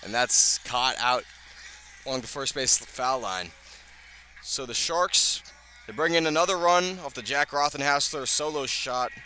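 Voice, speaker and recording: A man's bright, forceful, medium-pitched voice carries live baseball play-by-play over the radio at a measured pace. He speaks conversationally, dropping casual asides, and the outdoor ballpark setting comes through as clear ambient noise.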